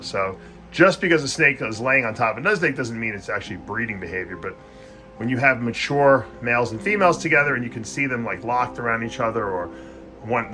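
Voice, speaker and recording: A man giving a casual, informal explainer as host of a reptile breeding vlog, talking directly to his viewers. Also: on the low side. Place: indoor snake breeding facility.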